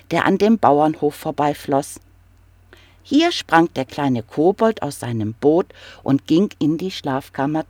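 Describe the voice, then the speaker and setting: A narrator reading a fairy tale aloud in a slow, expressive storybook manner. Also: medium pitch, no echo.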